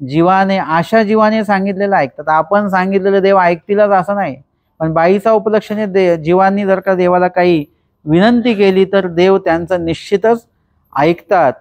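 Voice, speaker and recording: A man with a Marathi accent and a fairly high voice gives a devotional scripture talk. He reads old verses slowly, then explains each one, often asking rhetorical questions. The sound is close and dry. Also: dry recording. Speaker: religious discourse speaker.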